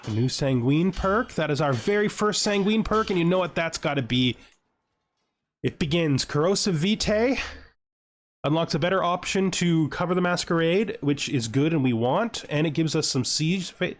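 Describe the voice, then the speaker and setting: A male gaming video host gives laid-back let's-play commentary, thinking out loud in fragments and putting questions to himself. His fairly high voice has lively intonation at a moderate pace, with background music playing behind him.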